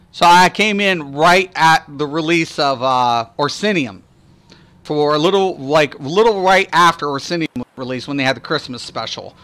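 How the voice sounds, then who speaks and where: Playful and quick to laugh, a man streaming a game rambles through casual live chat full of fillers, greeting viewers by name and thanking them. His voice sits on the high side, pushed and bright, clear with a resonant tone.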